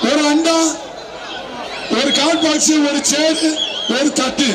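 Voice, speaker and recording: Very high-pitched man announcing over echoing loudspeakers. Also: little pitch movement, slow, very noisy. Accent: Tamil Nadu. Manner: repeats short exclamations and calls. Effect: amplified over a public address system. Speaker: jallikattu bull-taming event announcer. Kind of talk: live arena commentary, calling out bulls and prizes. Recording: echoey outdoor loudspeaker, distant, loud crowd. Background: loud crowd at outdoor arena.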